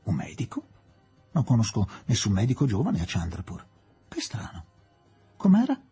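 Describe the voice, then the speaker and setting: A man reading an audiobook and voicing a young English official who speaks curtly, hoarsely and domineeringly. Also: lowish voice, huge pitch swings, moderate pace, warm tone, soft background music, full character voice. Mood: indignant.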